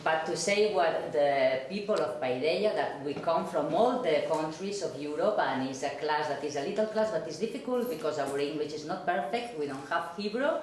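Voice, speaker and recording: A middle-aged woman from Spain, introducing a lecturer, speaking hesitant, halting English. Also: low-pitched, expressive. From Spain (Barcelona, Catalonia). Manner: hesitant, warm, halting non-native phrasing. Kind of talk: public introduction, partly read aloud. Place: lecture hall. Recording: echoey lecture hall with background noise.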